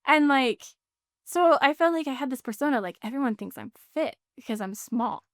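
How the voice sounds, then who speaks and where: Woman, 30s, guest, chatty and heartfelt, smooth higher voice, dry sound. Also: lively intonation, moderate pace, dry recording. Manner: chatty, emotional, fills talk with "like". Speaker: podcast guest. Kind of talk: casual interview chat.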